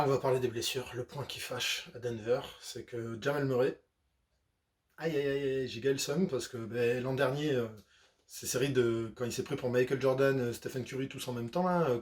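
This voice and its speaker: A young man, casually analyzing a basketball team, slangy and animated with lots of fillers and self-corrections. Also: medium pitch, moderate pace. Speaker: basketball video host.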